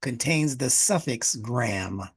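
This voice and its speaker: Male lecturer, gravelly and a bit husky, emphatic teaching delivery, dry close sound. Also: mid-range voice, animated, slow pace, dry recording. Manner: emphatic, breaks words apart to teach. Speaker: instructor. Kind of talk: spiritual lecture on word origins.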